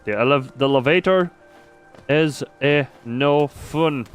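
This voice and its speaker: This live streamer speaks slowly at a medium pitch, with music faintly audible behind him. He offers casual, playful, rambling gameplay commentary, punctuated by exclamations and silly sound effects.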